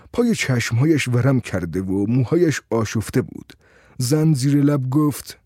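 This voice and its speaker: A man narrating a short story as an audiobook, in a steady, measured reading voice. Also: medium pitch, no echo, studio quality.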